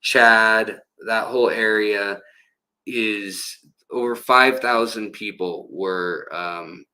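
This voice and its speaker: A man's voice: lowish voice, sharp tone. A man hosting a casual livestream for his aquarium channel, rambling and full of fillers as he chats with viewers.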